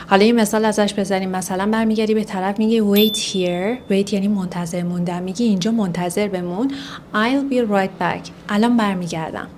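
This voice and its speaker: Iranian woman teaching, mid pitch, careful and patient. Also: steady tone, a little mellow, a little hiss or hum. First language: Persian. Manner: explains slowly, repeats phrases in English. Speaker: English teacher. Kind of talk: language lesson explaining phrases.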